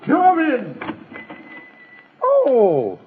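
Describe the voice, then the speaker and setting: A man's voice: extremely high pitch, wildly swooping pitch, very slow, background noise, exaggerated voice. An actor playing a fussy, scatterbrained, whimsical old Man in the Moon in a children's radio fantasy, stammering and repeating himself as he scolds. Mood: flustered. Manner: stammering, repetitive, muddled, comically scolding. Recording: muffled, tinny vintage radio recording.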